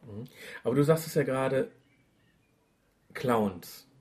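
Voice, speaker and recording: A man's voice: mid-range voice, slow, a little mellow. Chatty man with lots of fillers. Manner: chatty, hesitant with fillers and restarts. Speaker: podcast co-host. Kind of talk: casual chat reviewing a radio play.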